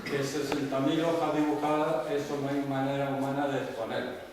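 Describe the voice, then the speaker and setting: A man who grew up in the Canary Islands gives an anecdotal talk at a conference, wandering through stories with frequent restarts and asides to the audience. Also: on the high side. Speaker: visiting artist giving a talk. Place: large echoey hall with an audience. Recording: echoey hall, voice from far off, faint noise.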